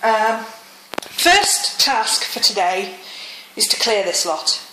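Speaking slowly but very animatedly, this British vlogger in her thirties has a medium pitch and a pushed, bright tone, slightly wheezy with a cold. She chats casually as she films around the rooms of her home. The handheld phone or camera picks up an echoey room plus some noise and clicks.

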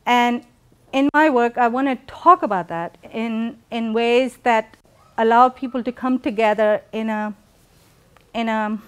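A middle-aged woman from Pakistan, an artist giving a reflective gallery talk with many pauses and fillers, filmed from a distance in a large gallery room. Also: on the high side, darkish tone, clean tone.

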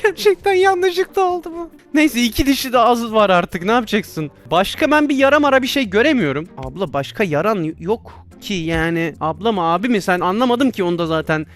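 A young-sounding man with a high, very lively voice chatters through a VR game, excitable and quick to exclaim as things go wrong. Faint game music plays under his voice. He talks casually, as if to friends. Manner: excitable, exclaiming and laughing at his own mishaps. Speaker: VR gameplay streamer. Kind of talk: casual gameplay commentary.

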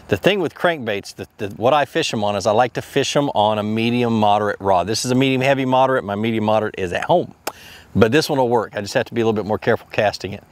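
Man, thirties, lowish voice, casual rambling fishing talk, outdoors on a boat. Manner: rambling, with many fillers and restarts. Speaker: fishing video host. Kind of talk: casual how-to narration while fishing.

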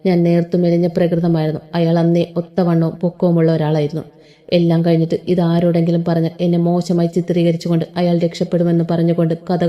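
A woman narrating a first-person audio story in a steady, measured way. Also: on the low side, highs cut off.

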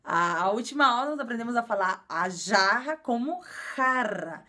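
Brazilian woman, high voice, casual video teacher who repeats and explains patiently. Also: lively intonation, pushed and bright, a little hiss or hum. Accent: Brazilian Portuguese. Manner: explains slowly and repeats words, frequent filler "é". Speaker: language teacher.

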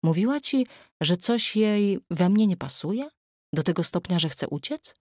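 A woman's voice: lowish voice, animated, a little slow, a little mellow, dry recording, studio quality. A woman narrating an audiobook, voicing a worried, defensive young husband in clipped, urgent lines. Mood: wounded. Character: young adult man, anxious, defensive husband.

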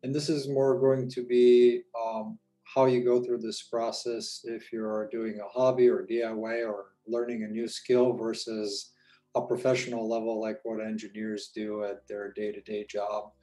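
Man, workshop presenter, warm mellow tone, relaxed talk, lots of ums. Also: lowish voice, a little slow, rough recording. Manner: casual, informal with many fillers. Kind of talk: live online presentation.

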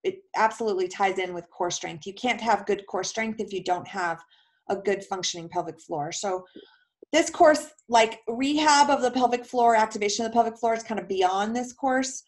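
A woman's voice: medium pitch, normal speed. A woman physical therapist explaining in a casual question-and-answer talk, chatty, with many filler words and homely comparisons.

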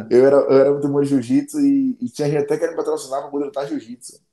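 A man's voice: medium pitch, flat delivery, very fast, warm tone, echoey room. A man, an MMA fighter telling stories in a casual interview, rambling and repeating phrases.

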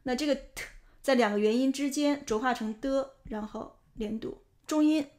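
A woman teaching English pronunciation and grammar, explaining points patiently and clearly. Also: high-pitched, moderate pace, a little mellow. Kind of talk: explanatory lesson narration.

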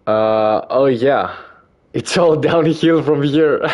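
A man in his twenties chatting casually while streaming a game, reading and answering chat with relaxed fillers. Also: mid-range voice, dull audio. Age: 20s. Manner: reads chat aloud, slow and relaxed with fillers.

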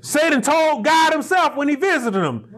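High-voiced preaching man at a pulpit. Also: animated, moderate pace. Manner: preaching with rising, shouted emphasis and repetition. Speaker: pastor. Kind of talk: sermon. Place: small chapel room indoors, standing at a pulpit. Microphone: lapel mic.

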